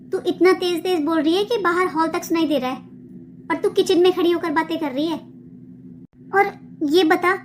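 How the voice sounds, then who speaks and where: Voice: extremely high pitch, a little hiss or hum. A voice actor playing a scolding middle-aged mother-in-law in a cartoon, nagging and accusing. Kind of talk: cartoon dubbing.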